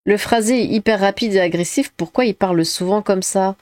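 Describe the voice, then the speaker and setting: A woman's voice: medium pitch, a little fast, darkish tone, no echo. Blunt French-speaking woman streamer, dry mic. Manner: blunt, opinionated, rambling asides. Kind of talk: live reaction commentary and reading chat.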